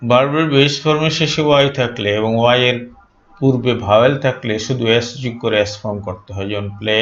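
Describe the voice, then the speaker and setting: A man teaching grammar in a slow, deliberate, drilling way, each word set apart. His voice has a gravelly edge. The recording is dull and lo-fi, with a roomy echo around it. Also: medium pitch. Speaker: English teacher. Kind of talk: grammar lesson. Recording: echoey room, dull lo-fi sound.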